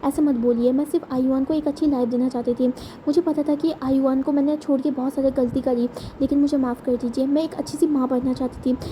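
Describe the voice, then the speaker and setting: A woman voicing a remorseful young mother who speaks softly and apologetically. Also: high-pitched, slight background noise, close to an everyday voice, poor audio. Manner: soft, slow, apologetic.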